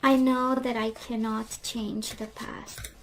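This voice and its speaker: A woman with a voice that is going hoarse, chatting casually through a tarot card reading and often asking "right?". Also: a little high, level tone, slow pace, a little hiss or hum, rough recording. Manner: chatty, reflective, frequent "right?" and "we do have". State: losing her voice, clearing throat. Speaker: tarot reader.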